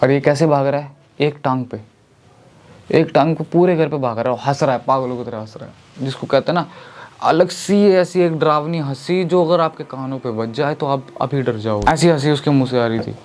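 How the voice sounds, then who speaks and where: A man tells a horror story in a casual, chatty style, addressing his listeners as if they were friends. His voice is medium-pitched and darkish, at a moderate pace.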